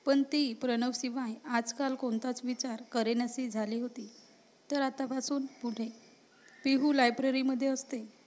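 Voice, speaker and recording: A woman storyteller narrating a romance story in a steady, even reading voice. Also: fairly high pitch.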